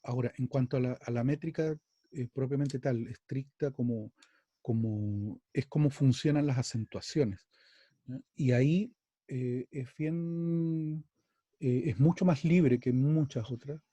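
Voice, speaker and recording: A man from Chile gives an online lesson on verse and meter at an unhurried pace. His tone is mellow, and he often stops to repeat a word before going on. The sound is dry and close, with no room around it. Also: mid-range voice, slightly rough, no echo. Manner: slow and halting, repeats words, spoken examples. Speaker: music teacher. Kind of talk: online class lecture.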